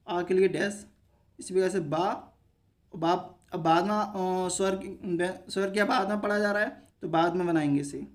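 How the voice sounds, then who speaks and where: Teaching shorthand in a high voice, a man quizzes himself with short questions and answers them to explain each step. Again and again he checks whether viewers are following.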